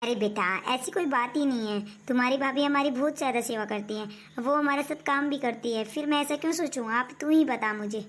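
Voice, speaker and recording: A woman playing a gentle mother-in-law who calms her daughter's complaints in a family skit. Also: sits high, a little fast, a little hiss or hum, natural voice. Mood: placating. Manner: soothing, placating.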